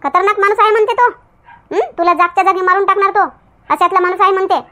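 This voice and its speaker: A woman acting out a fretful village aunt lecturing her nephew in a Varhadi Marathi comedy skit. Her voice is very high. She coaxes and questions him again and again. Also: fairly even intonation, quick pace, bright, forceful tone. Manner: coaxing, lecturing, keeps asking "okay?".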